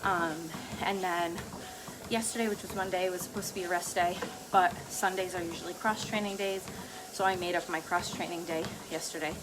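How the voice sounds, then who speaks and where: A woman's voice: lowish voice, fairly even intonation, normal speed, background noise. A woman talking casually and ramblingly to herself as a vlogger while walking on a treadmill, often breaking into light chuckles. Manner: laughs lightly between phrases. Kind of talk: casual rambling solo talk.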